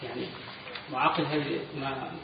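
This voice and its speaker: A man's voice: mid-range voice, level tone, normal speed, gravelly. A man attending a grammar class who asks hesitant, tentative questions. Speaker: student. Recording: distant, echoey hall, muffled and noisy.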